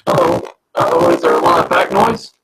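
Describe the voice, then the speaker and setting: A man's voice: sits high, sing-song, fairly quick, vocal fry. A man joining a webinar as co-host over a distorted, robotic-sounding call line. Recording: garbled call audio with music behind.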